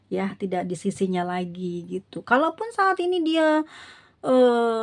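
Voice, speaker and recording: A woman with an Indonesian accent talks her viewers through a tarot reading in a relaxed, conversational way. She keeps circling back with little tag words. She slips into short quoted thoughts as she explains the cards. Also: mid-range voice. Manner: chatty, repeats tag words, voices the other person's thoughts. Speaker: tarot reader.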